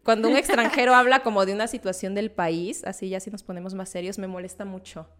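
A woman's voice: mid-range voice, fast talker. A young Mexican woman co-hosting a casual nostalgic chat, telling stories with slang and frequent laughs. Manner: animated, laughing, slangy storytelling. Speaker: podcast co-host.

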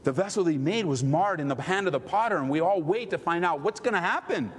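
A middle-aged male pastor preaching a sermon, swinging between loud pleading and quiet tender talk. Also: a little high, expressive, quick pace, breathy edge, in a large hall.

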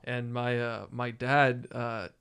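A man from Naples, Florida, hosting a casual podcast chat, relaxed and halting with many fillers. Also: medium pitch, clear, resonant tone. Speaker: podcast host.

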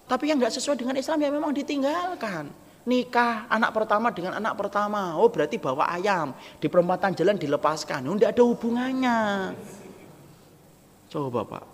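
Speaking at normal speed in a high, gravelly voice, a male Islamic preacher jokes with his crowd during a humorous sermon, lively and acting out short dialogues. The audio has long hall reverb and some faint background noise.

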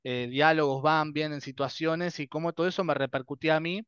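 A man's voice: on the high side, fairly even intonation, brisk, fairly bright tone, clean tone, no room sound, dull audio. A man in his thirties with a Rioplatense Spanish accent, telling his story as a guest in a casual interview, acting out dialogues and laughing often. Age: 30s.

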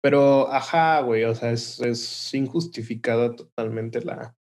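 Mexican young male co-host, warm low-key voice, easygoing slang with fillers. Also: a little slow. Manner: relaxed, slangy, hesitant fillers. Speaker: podcast co-host. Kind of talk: casual chat.

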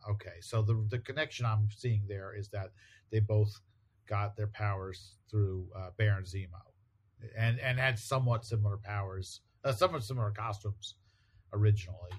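A man's voice: lowish voice, moderate pace. A man co-hosting a casual podcast, recapping a comic book page by page and laughing easily. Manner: relaxed, laughs often, recaps by paraphrasing. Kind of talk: casual chat.

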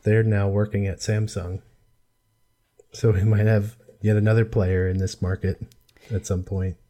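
Mellow, lowish-voiced male podcast host. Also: little pitch movement, unhurried. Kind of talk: casual tech discussion.

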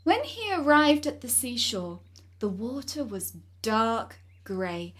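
Slow, expressive woman reading a fairy tale. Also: on the high side. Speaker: storyteller.

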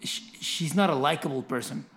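A young man co-hosting a casual film podcast, talking in an animated, emphatic way. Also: fairly high pitch, a little fast. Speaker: podcast co-host.

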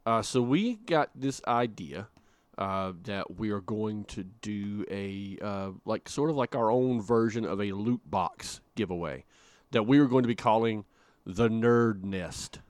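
Male podcast co-host, lowish voice, playful banter, dry close mic. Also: darkish tone, no room sound. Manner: jokey, playful, drawn-out emphasis. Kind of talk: casual podcast chat.

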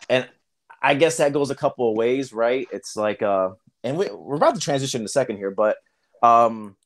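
Guy cohosting a podcast, rambly casual chat, lots of ums. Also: medium pitch. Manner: rambling, loose with fillers. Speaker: podcast co-host.

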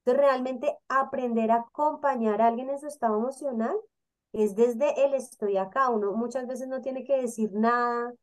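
Woman, co-host, casual panel chat, lively, acts out quotes, a bit high-pitched. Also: normal speed. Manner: animated, acts out quoted voices.

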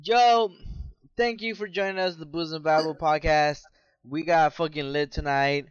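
A boisterous, foul-mouthed man co-hosting a late-night podcast in casual banter. His voice sits a little high for a man. The sound is dry and dull, like a lo-fi remote mic. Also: steady tone, moderate pace, clear, resonant tone, no room sound. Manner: profane and boisterous. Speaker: podcast co-host. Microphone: no webcam, remote mic.

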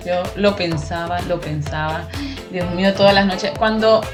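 A woman's voice: lowish voice, a little slow, music in the background. A Venezuelan woman being interviewed, telling a personal story with feeling and acting out the voices of her family. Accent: Venezuelan Spanish. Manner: animated, acts out quoted voices.

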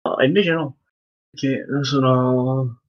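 A man's voice: mid-range voice, steady tone, slow pace. A young man in a casual, conversational podcast chat with friends. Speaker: podcast co-host. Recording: dull lo-fi online call audio.

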